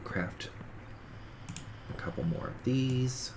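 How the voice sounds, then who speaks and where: A gaming streamer with a mid-range, creaky voice speaks slowly, sounding stuffy and sniffly from a cold. He casually rambles through a survival game as he plays, correcting himself and talking through each step. Background noise is audible in this let's-play commentary.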